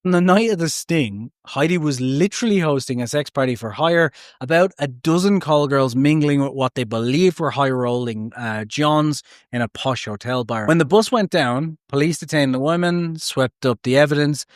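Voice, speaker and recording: A man's voice: a little high, moderate pace, few pauses, dry recording, studio quality. A man hosting a podcast, narrating a true story with chatty, jokey asides that often break off mid-thought. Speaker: podcast host.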